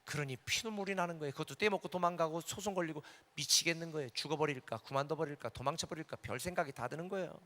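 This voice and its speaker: Passionate middle-aged pastor in an echoing hall. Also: male voice, on the high side, fast, few pauses. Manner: emotional testimony swinging from quiet confession to shouted preaching. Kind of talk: sermon. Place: large hall at a conference. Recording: echoey hall with long reverb.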